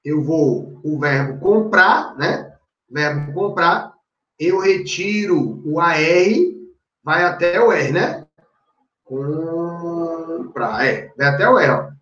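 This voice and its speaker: Male grammar teacher, exam-prep lecture, step-by-step checking in, slow delivery, dull distant recording. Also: on the high side, expressive, a bit bright. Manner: explains step by step, constantly checking in with the class. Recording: echoey room, distant dull mic.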